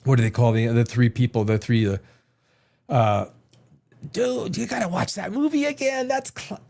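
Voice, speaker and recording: A Canadian streamer delivers rambling, casual film commentary, opinionated and emphatic, with repeated phrases to reinforce points. He talks at normal speed in a mid-range, creaky voice with a darkish tone.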